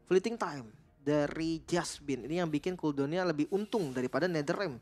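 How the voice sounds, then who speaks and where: A man's voice: on the high side, moderate pace, a little mellow. A man giving casual analytical co-commentary on a match, repeating words for emphasis. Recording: game music behind.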